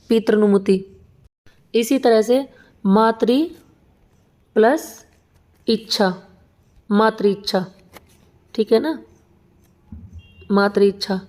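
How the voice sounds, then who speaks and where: A woman's voice: on the high side, dark tone. A young woman teaching Hindi grammar for exam prep, explaining each example step by step and often checking that students follow. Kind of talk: exam-prep lesson at a whiteboard.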